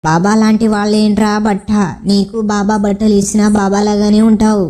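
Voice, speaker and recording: A woman playing a sharp-tongued old village grandmother who scolds and teases with insults in a comedy skit. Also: medium pitch, little pitch movement, fairly quick, noisy background, natural voice. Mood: scolding. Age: older.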